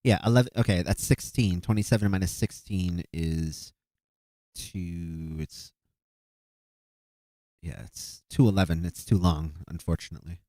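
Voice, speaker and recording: A man with a low, mellow voice speaks at a measured pace in a dry recording. He's hosting a live stream and judging beatbox entries, calculating aloud as he reviews clips. His casual commentary is full of hesitant fillers and restarts.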